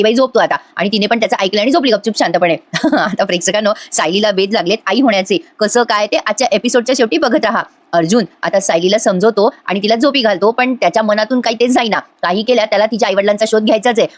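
A woman's voice: mid-range voice, no echo. A woman chattily retells a TV serial episode for viewers, voicing its dialogue as she goes. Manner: chatty, addresses viewers directly, acts out dialogue while retelling.

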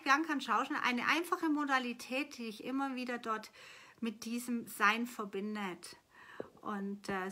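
A woman's voice: on the high side, sharp tone. A middle-aged woman giving an earnest, flowing spiritual coaching talk, answering viewer questions and repeating phrases for emphasis. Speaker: manifestation coach.

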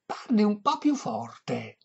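A man voicing a deaf old noblewoman, in a high, quavering falsetto. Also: huge pitch swings, slow pace, creaky, darkish tone, husky, exaggerated voice. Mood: chatty. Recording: dull lo-fi recording.

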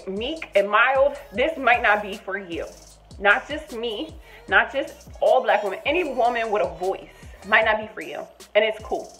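A woman telling a personal story in a casual vlog, acting out both sides of the conversation with lively voices. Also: on the high side. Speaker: storytime vlogger.

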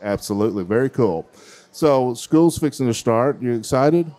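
Lively and warm in a mid-range voice, this middle-aged host keeps a moderate pace as he interviews kids competing in a baking contest. He uses a handheld mic in a large fair hall, chatting and cheering them on.

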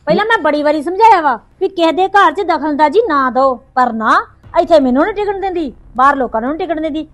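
A woman's voice: sits high, lively intonation, fast. A woman playing a defensive young daughter-in-law who complains and explains herself in a rush. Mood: complaining.

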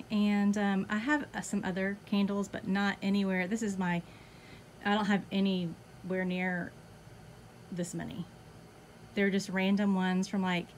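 A woman who vlogs about her candle collection chats casually while reading off a long list of items one after another, sounding a little out of breath. Her voice is medium-pitched, with a slight hiss or hum in the recording.

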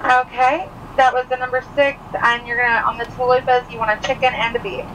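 High woman's voice over a drive-thru speaker. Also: flat delivery, fairly quick. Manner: polite, repeats back and confirms each order item. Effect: heard through a drive-thru speaker. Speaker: drive-thru order taker. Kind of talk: taking a fast food order. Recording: distant speaker voice with car noise outside.

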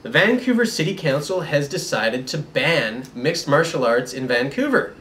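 A man delivers a satirical comedy monologue in a deadpan, mock-serious way. His voice sits slightly high for a man. It sounds a bit distant from the microphone. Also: normal speed, slight background noise. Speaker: comedy show host.

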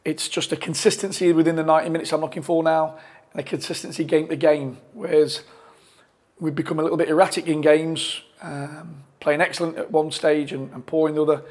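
A football manager in his forties, standing in front of a sponsor board in a press room, answers post-match questions into a lapel mic. His slightly high voice has a darkish tone and flat delivery, measured but full of restarts and fillers.

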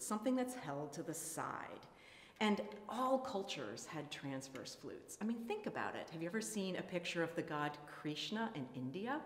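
A low-voiced woman with a very lively, animated delivery explains things with playful enthusiasm. Her voice rings out in an echoey space with a long reverb tail. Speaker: flutist and museum presenter. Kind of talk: educational presentation.

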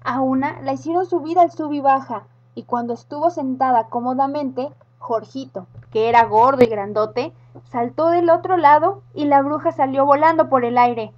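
A woman with a Rioplatense Spanish accent reads a children's story aloud in a high, bright-toned voice, acting out each character. The recording sounds dull and lo-fi. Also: moderate pace. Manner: lively, acts out the characters.

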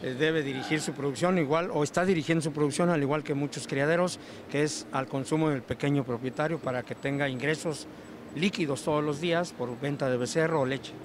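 A man's voice: fairly high pitch, fairly even intonation, fairly quick, noisy background. A middle-aged Mexican man working as a television interviewer on location, speaking into a handheld microphone. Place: large indoor livestock exhibition hall.

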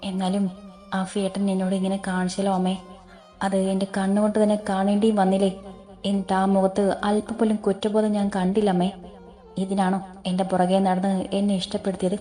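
A woman's voice: medium pitch, completely flat delivery, fairly quick, dark tone, faint music behind, close to an everyday voice. A woman voicing a pleading heartbroken young wife. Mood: grieving. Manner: pleading, tearful.

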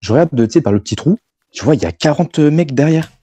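A man's voice: a little high, expressive, fast talker, warm tone. A young man calling in and telling a long story in casual slang, rambling with lots of fillers. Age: young adult.

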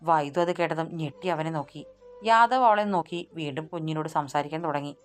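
Low-voiced woman narrating a story. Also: fairly quick. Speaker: audiobook narrator. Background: soft music.

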